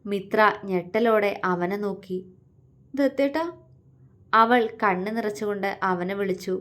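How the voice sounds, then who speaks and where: A woman narrating a romantic story in a calm, even storytelling manner. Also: medium pitch, moderate pace.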